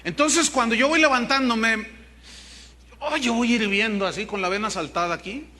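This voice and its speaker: A man's voice: very high-pitched, normal speed, bright, forceful tone. An older man from Mexico with a Mexican accent, a pastor preaching a sermon and telling stories with humor to his congregation. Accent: Mexican Spanish. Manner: storytelling preacher, jokes with the congregation.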